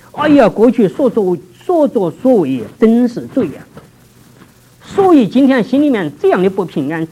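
A man preaching a personal testimony, telling his story vividly and swinging between hushed and raised passages. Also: high-pitched, slight background noise, low-quality recording. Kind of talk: testimony sermon.

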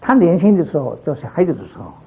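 An older man from Fuzhou delivers a sermon, his rambling stories drifting into quiet endings. His voice is rough and gravelly, with a heavily husky edge, and it sits a little high for a man. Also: sing-song, fast talker, phone-quality sound. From Fuzhou, China. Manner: storytelling, rambling, trailing off softly at phrase ends. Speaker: preacher.

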